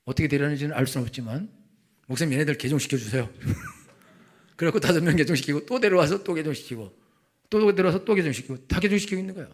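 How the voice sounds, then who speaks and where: A man's voice: a little high, animated, fast talker. A middle-aged male pastor preaching a colloquial sermon, telling stories and acting out the voices of the people in them. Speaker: senior pastor.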